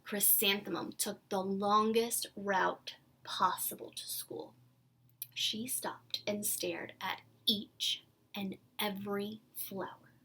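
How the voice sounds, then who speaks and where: A woman teacher reading a storybook aloud to young children, expressive and deliberate, often breathy and near a whisper. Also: mid-range voice, rough recording. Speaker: kindergarten teacher.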